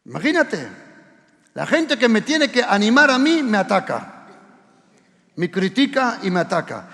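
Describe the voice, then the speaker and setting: A male pastor preaching a lively storytelling sermon in a church, rising at times to shouts. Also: high-pitched, measured pace, gravelly, long reverb tail. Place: church hall. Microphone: handheld or stand microphone.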